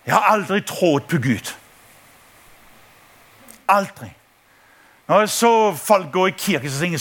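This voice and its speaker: A man from Denmark preaching a sermon, telling a story and acting out the voices in it with lots of energy. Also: a little high. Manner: animated, acts out voices in his stories, laughing often. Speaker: pastor.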